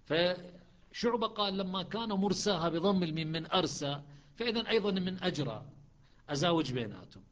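Guy teaching quran recitation readings, kinda high voice, slow careful explaining, muffled lo-fi recording. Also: expressive. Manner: patient, methodical explaining with frequent pauses and restarts. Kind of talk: explanatory lesson on recitation variants. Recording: dull lo-fi recording.

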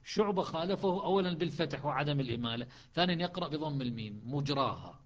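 A man patiently teaching the variant readings of Quran recitation, explaining methodically with frequent pauses and restarts. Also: a little high, lively intonation. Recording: dull lo-fi recording.

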